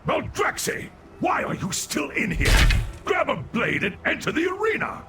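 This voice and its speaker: An actor voicing a proud, warlike undead arena announcer in a video game, shouting commands and proclamations in a declamatory way over music. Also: high-pitched, huge pitch swings, normal speed, very noisy, exaggerated voice. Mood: goading, fierce.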